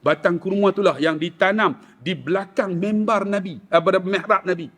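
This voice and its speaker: A man with a Kedah Malay accent giving a mosque lecture, telling a story in an animated way and acting out the people in it. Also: moderate pace, long reverb tail. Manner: animated, acts out quoted voices, sudden rises in pitch. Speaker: preacher.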